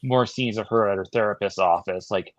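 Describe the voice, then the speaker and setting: A man with a lowish voice talks thoughtfully in a casual podcast chat, laying out his views. The sound is dry and slightly dull, like a lo-fi recording. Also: brisk, dry recording. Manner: thoughtful, explanatory. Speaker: podcast co-host.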